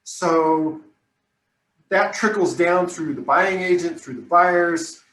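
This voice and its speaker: A man speaking in a relaxed conversational way, his voice a little higher than most men's and picked up from some distance off the mic. The room adds a clear echo around him, and he keeps tossing in "right?" to pull his listener along as he talks. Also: takes it slowly. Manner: chatty, tags statements with "right?". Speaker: roofing contractor hosting the talk. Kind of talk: casual conversational discussion. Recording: roomy sound from off the mic.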